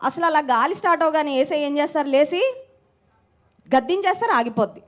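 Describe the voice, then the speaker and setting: A woman preacher giving an emphatic sermon, slowing down on key phrases and mixing in English phrases. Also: high-pitched.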